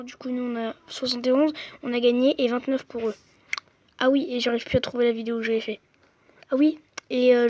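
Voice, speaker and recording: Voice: medium pitch, a little hiss or hum. A young speaker giving casual, slangy commentary while playing a quiz game on a phone, chatting to viewers. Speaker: gamer playing a quiz app. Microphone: phone microphone.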